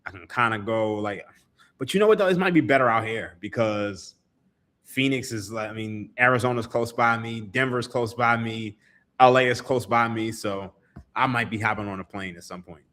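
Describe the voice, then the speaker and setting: A sports writer in his thirties from Philadelphia, USA, tells stories as a podcast guest in casual chat, laughing and swearing freely. He speaks at normal speed in a lowish, slightly bright voice.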